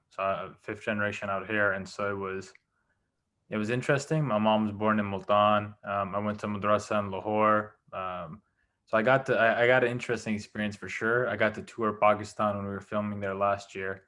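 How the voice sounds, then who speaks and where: Low-voiced man chatting loosely on a call. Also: bright, forceful tone. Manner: loose, rambling, with many fillers and restarts. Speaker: guest, film producer. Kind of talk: casual video-call chat.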